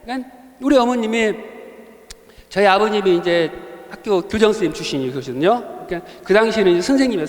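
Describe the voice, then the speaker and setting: A pastor teaching a Bible study in a high, light voice. He tells stories in a chatty way and often turns to the room with rhetorical questions. His voice carries a long church-hall reverb. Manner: storytelling, conversational, with rhetorical questions to the congregation.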